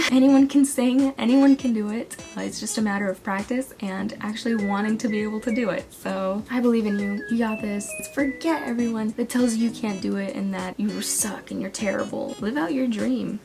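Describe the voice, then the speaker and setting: A woman's voice: on the high side, moderate pace, creaky, music in the background. A young woman talking casually in a vlog, giving singing advice with a chatty, self-deprecating manner and frequent laughs. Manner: chatty, self-deprecating, laughs often, breaks into sung demos. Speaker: singing vlogger.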